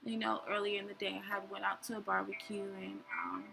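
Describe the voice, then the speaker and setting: A woman's voice: medium pitch, very animated, brisk, vocal fry, background noise. A young woman hosting a show, telling her own story candidly in a rambling way with many fillers. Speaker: podcast host. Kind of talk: personal storytelling.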